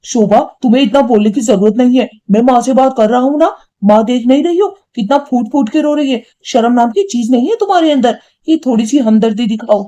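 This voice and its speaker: A woman's voice: a little high, fairly quick, few pauses, warm tone, dull audio, close to an everyday voice. A woman voicing a hot-tempered young husband and son in a cartoon, scolding and indignant. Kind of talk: cartoon voice acting.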